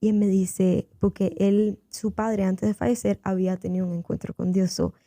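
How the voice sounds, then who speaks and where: A woman's voice: medium pitch, flat delivery, moderate pace, mellow, dry recording. A woman giving her personal faith testimony as a guest on a radio interview, telling her story earnestly, acting out the voices she quotes and dropping in English fillers. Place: radio studio.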